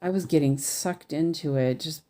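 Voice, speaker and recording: Low-voiced woman with a slushy lisp. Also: moderate pace, warm tone, faint music behind. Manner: meandering, thinking aloud. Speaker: craft livestream host. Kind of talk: casual livestream chat while stitching.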